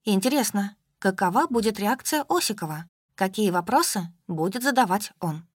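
A woman reading a novel aloud in a wry, even first-person telling. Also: medium pitch, moderate pace, slightly rough, no echo, clean studio sound. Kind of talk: audiobook narration.

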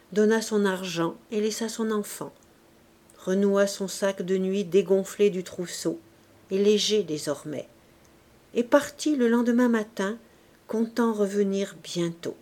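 A woman reading a classic novel aloud as audiobook narrator, in a calm, measured way. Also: mid-range voice. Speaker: audiobook reader. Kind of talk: scripted narration.

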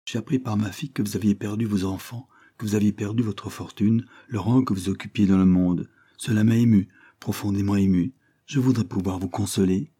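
A man reading aloud and voicing a kindly, pious older lady with a soft, consoling manner. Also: on the low side, fairly even intonation, a little fast, breathy edge.

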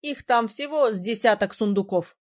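A woman reading an audiobook, voicing a calm, teasing young male prince with a slightly lower, softer voice. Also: normal speed, lightly acted. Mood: gentle amused.

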